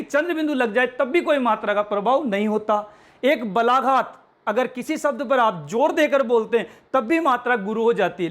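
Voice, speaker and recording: A man delivers a classroom lecture on Hindi grammar, patient and teacherly, often asking questions and answering them himself while repeatedly reminding listeners to pay attention. His voice is very high-pitched and a bit bright.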